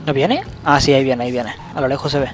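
A young man, giving loose, excitable let's-play commentary and swearing at the game. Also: medium pitch, fast talker, over music. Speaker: gaming channel host.

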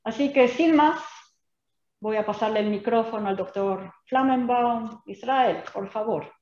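A woman's voice: a little high, measured pace, darkish tone. A woman moderating a webinar, closing her introduction formally and handing over to the speaker. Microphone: video call mic. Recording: roomy, dull video call audio.

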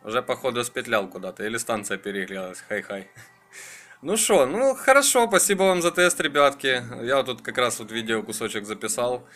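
An amateur radio operator running an antenna test chats casually over ham radio, using friendly colloquial talk and clipped radio phrases. His medium-pitched voice is fairly quick and a bit bright, with faint music in the background.

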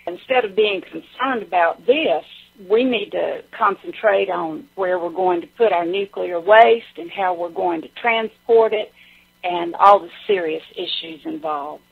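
A woman's voice: lowish voice, a little slow, gravelly, slightly rough. Folksy Southern woman on a phone line. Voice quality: pleasant, calming. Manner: folksy, down-home phrasing. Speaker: interview guest. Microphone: telephone.

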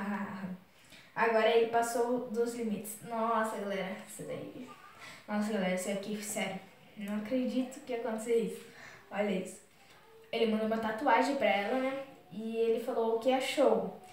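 A chatty young woman with a slightly high voice vlogs from her bedroom, exclaiming often as she talks. The room is very echoey and she sits back from the mic, with a faint hiss underneath. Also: recorded from a distance. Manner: chatty, exclaims a lot, keeps saying "galera". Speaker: vlogger. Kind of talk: casual vlog, reading out messages.

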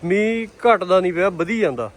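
A man's voice: sits high, expressive, brisk. A man with a Punjabi accent vlogging casually and joking heartily with his friends as he shops. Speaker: vlogger and cameraman. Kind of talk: casual shopping vlog chat.

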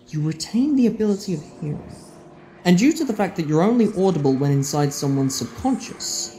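An actor playing a clever, defiant time-travelling hero in an audio drama, with a deliberate, theatrical delivery. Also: male voice, a little high, mellow, a little hiss or hum.

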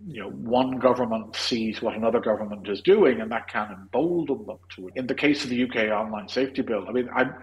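With a mid-range voice and dull audio, the Irish host barrels through a casual podcast discussion briskly with hardly a pause, opinionated, meandering and restarting lines again and again.

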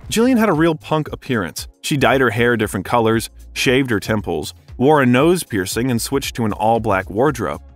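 Lively male documentary narrator. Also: medium pitch, normal speed, hardly any pauses, faint music behind. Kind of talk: scripted biography narration.

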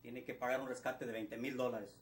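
A man's voice: mid-range voice, flat delivery, fairly quick, lightly acted. A middle-aged man with a Mexican Spanish accent playing a ruthless, foul-mouthed kidnapper boss who barks orders and threats. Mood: menacing. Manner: barking orders, insulting and threatening. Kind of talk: low-budget film acting. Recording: echoey room with music underneath.

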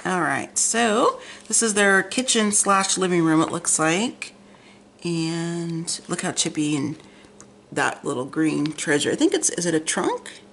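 Low-voiced chatty woman with numb-mouthed articulation. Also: expressive, measured pace, a bit bright. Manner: slightly effortful articulation from a numb half of the face, like numb from the dentist. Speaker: vlog host. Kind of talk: chatty magazine flip-through. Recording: clear background noise, room ambience.

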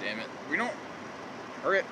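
A man's voice: a little high, very animated, a little fast. Male amateur director, profane and pushy, casual delivery, noisy camcorder recording.

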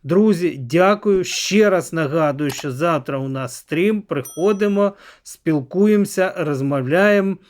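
A middle-aged man hosting a political vlog, speaking slowly and drawn out, sometimes dropping to a near whisper as he thanks donors. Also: a little high. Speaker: channel host.

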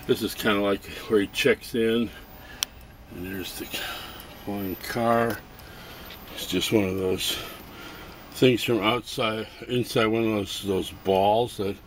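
This show-and-tell vlog features a middle-aged toy customizer with a voice on the low side, filming by hand in his cluttered home workshop and garage. He rambles, stops and starts, and is clearly amused with himself. Home camera audio is noisy.

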